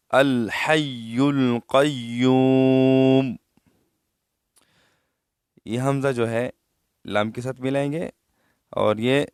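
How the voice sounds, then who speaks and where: A man teaching Quran recitation rules, explaining patiently and then drawing out the words slowly to show how they should sound. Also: medium pitch, smooth, no echo, clean studio sound.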